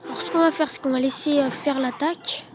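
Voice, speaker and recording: A woman giving relaxed, chatty play-by-play commentary on her own gameplay, with quick excited bursts. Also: high-pitched. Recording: noticeable background noise.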